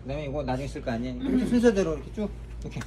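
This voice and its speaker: A barber instructor, a man, demonstrating in a classroom with a slightly higher voice. He keeps repeating short instructions and snaps corrections at students. Clear background noise runs under his voice. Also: very animated, rapid-fire. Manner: repetitive, directive, scolds students sharply. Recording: noisy room recording.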